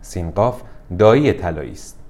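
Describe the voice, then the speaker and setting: A man narrating a children's storybook in a gentle, measured way. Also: sits low, expressive.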